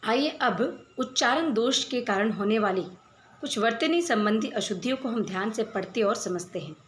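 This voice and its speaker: A woman teacher giving a school spelling lesson, reading word pairs aloud with careful, clear enunciation. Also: a little high, lively intonation, normal speed, a bit bright, a little hiss or hum. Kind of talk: slow, deliberate Hindi lesson. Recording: echoey room with faint background ambience.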